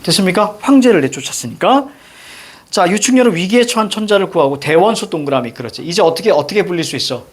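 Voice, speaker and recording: A male teacher giving a brisk literature lecture, directing students and firing quick questions at them. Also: sits high, expressive, slightly rough. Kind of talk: classroom lecture.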